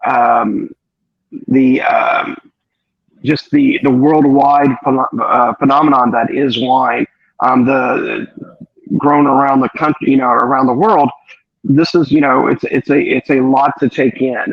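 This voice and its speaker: A man in his forties, a wine shop owner, speaking haltingly over a choppy, glitchy video call whose audio keeps breaking up. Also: medium pitch, steady tone, gravelly, husky, highs cut off. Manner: halting, full of ums and restarts.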